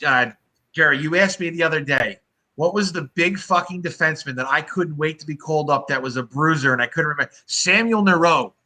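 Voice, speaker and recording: Bright-voiced swearing hockey podcast man. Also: on the high side, brisk, low-quality recording. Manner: swears freely, rambling restarts. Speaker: podcast co-host. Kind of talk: casual hockey chat.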